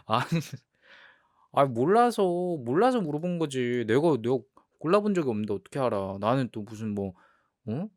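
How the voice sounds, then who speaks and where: A man playing a playful, defensive young boyfriend in a role-play ASMR audio drama, talking haltingly and repeating his words as he protests. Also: medium pitch, very animated, dry recording, clean studio sound, lightly acted. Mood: flustered, protesting.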